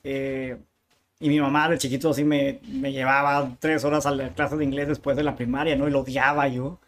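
This Tijuana bookshop owner, with a northern Mexican Spanish accent, has a mid-range voice and a fairly quick pace. In a casual interview he's a lively storyteller who drops slangy asides.

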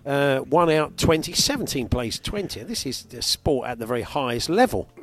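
A man's voice: mid-range voice, expressive, normal speed. A man hosting a casual game with friends, calling out guesses and scores in a mock-dramatic bingo-caller manner. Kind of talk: casual radio game banter.

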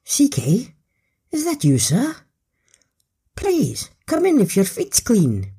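A man's voice: extremely high pitch, huge pitch swings, takes it slowly, dark tone, breathy edge, voice pushed up, heavily acted. A man voicing a huge, polite young male Bigfoot who speaks formally, with a Scottish accent and Doric phrases. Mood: polite surprise.

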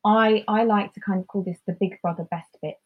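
A woman co-hosting a podcast in casual chat, talking in an animated way and acting out quotes in mock voices. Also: mid-range voice, brisk, phone-quality sound. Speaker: podcast co-host.

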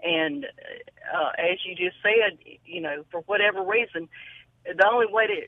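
A woman's voice: medium pitch, animated, measured pace, creaky, no echo. A woman caller heard over the phone, giving an earnest, emphatic and rambling opinion on a call-in radio show. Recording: tinny phone line.

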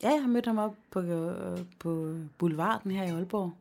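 A woman's voice: fairly low pitch, creaky, a little mellow. Teasing woman radio host. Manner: teasing, quick quips. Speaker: podcast co-host and radio presenter. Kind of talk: casual chat.

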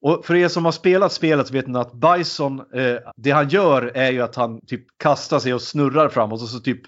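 A man's voice: mid-range voice, dull audio. A man in a casual chat, animatedly retelling a film with many fillers.

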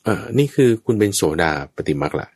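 A man's voice: quick pace, a little mellow, no room sound. A man teaching Buddhist Dharma in a conversational way, explaining patiently and checking that his listener understands.

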